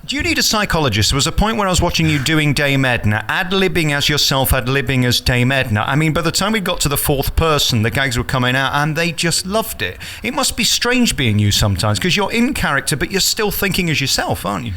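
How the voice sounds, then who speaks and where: A man's voice: a little high, sing-song, brisk, hardly any pauses, bright, forceful tone. A man interviewing someone conversationally, putting admiring, leading questions. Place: theatre dressing room.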